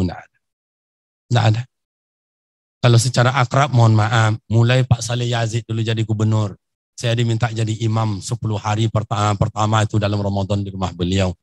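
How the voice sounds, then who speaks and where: Man, Riau Malay accent, lively preacher who acts out dialogue and jumps into sudden high bursts, dry recording. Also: no room sound. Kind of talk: lively sermon with acted-out stories.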